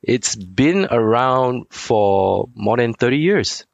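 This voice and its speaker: A man's voice: medium pitch, animated, takes it slowly, gravelly, no room sound. A man, a guest answering in an easygoing way with many fillers. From Singapore. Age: 40s. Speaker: guest, sneaker designer. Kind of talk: casual interview chat.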